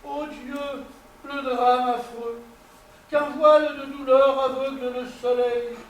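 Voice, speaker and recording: A horrified witness lamenting in tragic verse. The delivery is slow, solemn and florid in a very high voice, heard from a distance in a strongly echoing room. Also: male voice, flat delivery. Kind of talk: theatrical verse declamation. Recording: very echoey, distant, faint noise.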